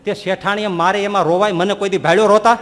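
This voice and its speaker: A man preaching a sermon, telling animated stories and asking rhetorical questions. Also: high-pitched, quick pace, in a large hall. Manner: animated storytelling, rhetorical questions, voices quoted figures. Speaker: Swaminarayan preacher.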